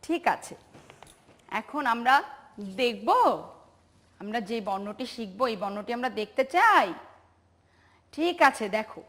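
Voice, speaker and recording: Female pre-primary teacher, Bangladeshi accent, high and unhurried, call-and-response lesson style. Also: expressive, fairly bright tone. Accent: Bangladeshi Bengali. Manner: slow, patient, drawn-out recitation with call-and-response questions. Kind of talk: televised home-learning lesson for young children.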